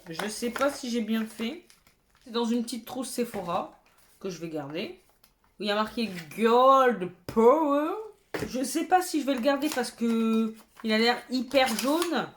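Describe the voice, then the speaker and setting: A chatty woman beauty vlogger talks casually through a haul. Her voice sits a little high for a woman. She is expressive, with lively exclamatory asides. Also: slight background noise.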